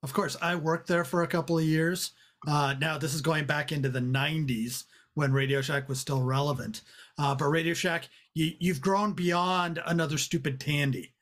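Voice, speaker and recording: A male podcast co-host with a voice pitched a little above average. He chats casually and comically, with a dry, teasing way of talking. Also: steady tone, moderate pace, a bit bright. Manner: teasing, wry.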